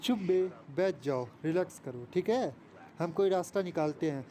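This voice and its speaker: A man voicing a tough young gangster who gives gruff, slangy orders in an amateur game dub. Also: high voice, animated, moderate pace, dark tone, slight background noise. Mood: bossy.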